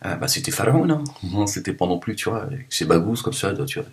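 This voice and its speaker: A man with a Parisian accent talks straight to the camera from home in a loose, rambling vlog. His voice sits fairly low, and he keeps breaking off into joking, teasing asides. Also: lively intonation, brisk. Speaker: vlogger. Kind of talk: casual vlog monologue. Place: home, cold room.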